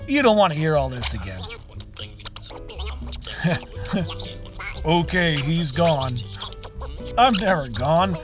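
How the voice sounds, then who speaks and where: A man's voice: on the high side, sing-song, takes it slowly, pauses often, music in the background. A man playing God as a breezy, jokey American uncle type with an American accent in a comedic audio drama. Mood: cheeky. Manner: folksy, slangy, avuncular, jokey. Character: folksy, breezy male God, a loud jovial uncle type.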